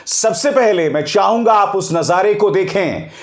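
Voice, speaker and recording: A man's voice: high-pitched, lively intonation, a little slow, reverberant. A man giving opinionated political commentary, speaking emphatically and often turning to his viewers as friends. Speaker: news commentator.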